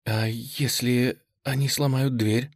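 A man's voice: mid-range voice, fairly even intonation, slow, no echo. Storybook young woman, scared and teary, trembling pleas, voice lifted, done by a male reader; dry booth sound. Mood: frightened. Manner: trembling, pleading, tearful. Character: frightened tearful young woman, pleading.

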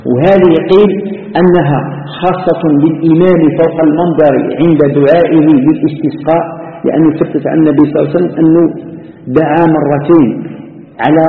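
Male Algerian sheikh, rapid-fire explanatory lesson, thin phone-like sound with a roomy echo. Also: fairly high pitch, steady tone. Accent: Algerian Arabic. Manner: explanatory, demonstrating with hand gestures. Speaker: sheikh teaching a religious lesson. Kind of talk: religious lesson mixing classical recitation and dialect. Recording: distant tinny recording in a reverberant hall.

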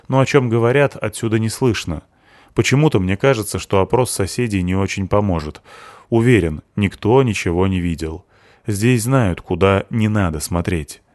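A man's voice: lowish voice, darkish tone, no echo. A man narrating a first-person audiobook in a dry, wry manner.

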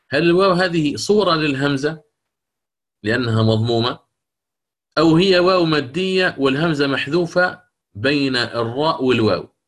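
Male Quran teacher, measured explanations, slow chanted recitation. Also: mid-range voice, fairly bright tone. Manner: explains readings, then recites verses slowly with melodic chant; careful explanatory, hesitant fillers. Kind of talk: online Quran readings lesson.

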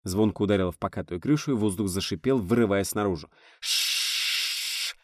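A man narrating a science fiction audiobook in a lively, dramatic reading. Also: lowish voice, quick pace, no room sound, clean studio sound.

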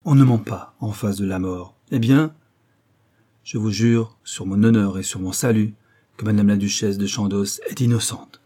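A man's voice: lowish voice, fairly even intonation, normal speed, warm tone, natural voice. A man reading an audiobook and voicing a desperate young nobleman who speaks solemnly and pleads before a duel. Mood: solemn pleading.

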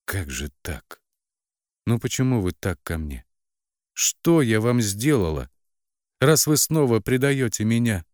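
A man's voice: low-pitched, expressive, moderate pace, few pauses, darkish tone, no echo, clean studio sound. A man voicing a desperate, hurt young woman who pleads and cries out against her family. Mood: anguished. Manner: pleading, anguished.

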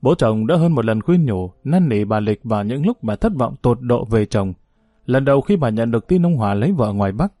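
Warm-voiced man narrating an audiobook. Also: mid-range voice, fairly quick, dry recording, studio quality. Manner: steady storytelling reading.

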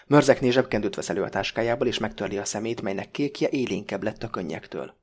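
Husky male audiobook narrator. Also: fairly low pitch, animated.

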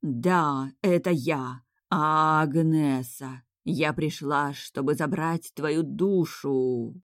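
Casual: lady doing a spooky ghost granny, super slow and drawn out, low and hollow. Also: no echo, studio quality, exaggerated voice. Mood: eerie. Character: fake ghost of a dead grandmother, slow and howling.

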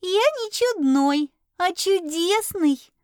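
A tiny winged kitten with a squeaky, very high voice, proud and cheeky as he pipes up, put on by a woman reading an audiobook. The voice has a slightly odd, unusual timbre, and the recording is close and dry. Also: expressive, slow, darkish tone, no echo, full character voice.

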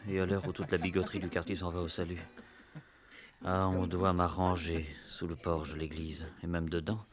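An actor plays a jealous husband in a stage farce. His low voice mutters with bitter indignation over clear crowd noise. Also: little pitch movement, normal speed, natural voice. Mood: bitter, indignant. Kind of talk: French stage farce acting.

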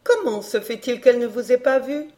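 A woman reading a proud, sharp-tongued young countess, cool and teasing, in an audiobook dialogue. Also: fairly high pitch, expressive, a little fast, natural voice.

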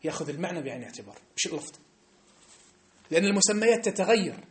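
A man with a North African Arabic accent gives a religious lesson in a quick, rapid-fire delivery, his voice sitting fairly high. He talks emphatically and keeps tossing rhetorical checks at his class. The sound carries a roomy echo. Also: sing-song. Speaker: religious teacher. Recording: echoey room.

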